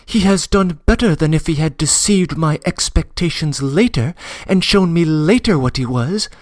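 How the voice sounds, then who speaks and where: Lightly acted, this man's fairly high voice is expressive and at normal speed, with no echo. Reading a classic novel for audiobook, he voices a passionate young woman pleading earnestly near tears, her confession trembling and breathless.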